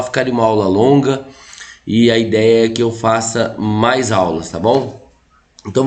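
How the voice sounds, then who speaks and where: A Brazilian man teaches a grammar lesson online, in a voice that jumps up and drops down all the time. He keeps pointing at the board and checking that his students are following. His tone is chatty and energetic. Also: medium pitch. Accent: Brazilian Portuguese. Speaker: Portuguese teacher.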